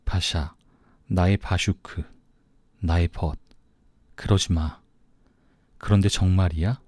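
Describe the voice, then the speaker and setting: A man's voice: deep voice, fairly even intonation, slow, husky, no room sound, heavily acted. A man voicing an affectionate, teasing young male friend in an audiobook. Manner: playful, warm-hearted.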